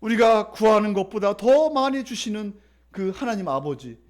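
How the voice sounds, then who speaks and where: A man's voice: high voice, very animated, moderate pace. A man preaching a sermon as pastor of a church, emphatic and repetitive, leading his congregation in call-and-response. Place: church sanctuary.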